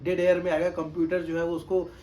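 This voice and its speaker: A man's voice: high voice, little pitch movement, fast, darkish tone. A man giving spoken test tips to camera in a casual tutorial, talking in a raised, projected voice and checking in often as he repeats his points. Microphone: camera mic.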